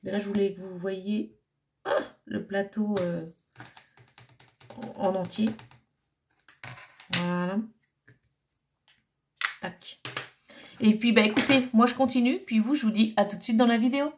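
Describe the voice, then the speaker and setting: A woman's voice: medium pitch, steady tone, measured pace, pauses often, slight background noise. A woman chatting casually at home while assembling a craft kit, thinking aloud with fillers and small "tac" sounds. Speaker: crafting vlogger. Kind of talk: casual hands-on crafting chat.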